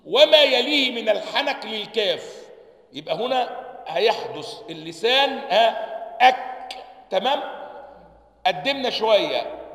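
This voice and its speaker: A high-pitched man with an Egyptian accent gives a religious lesson, reading a classical text and explaining each letter's point of articulation. He sounds out the letters himself and keeps asking his listeners whether they follow. The voice rings with the long reverb of a big, echoey hall. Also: fairly bright tone. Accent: Egyptian Arabic. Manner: checks understanding with repeated questions; demonstrates letter sounds aloud. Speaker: sheikh teaching Quran sciences.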